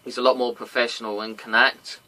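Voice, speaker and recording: This podcast host reviews wrestling in a casual, rambling chat recorded noisily at home. His mid-range voice is sharp and fairly quick, with little pitch movement, and he slips into silly singing impressions.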